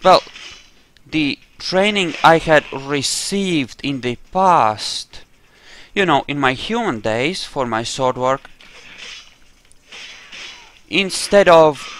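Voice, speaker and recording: With slight background noise in the recording, a man whose voice is on the high side and fairly bright narrates his roleplaying game playthrough. He rambles casually as he thinks aloud, with a dry and wry sarcastic streak.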